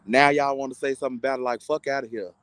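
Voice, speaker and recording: A man's voice: mid-range voice, steady tone, racing, fairly bright tone, smooth, no echo, poor audio. A content creator, a man, delivering a heated, insulting, mocking rant to his online audience.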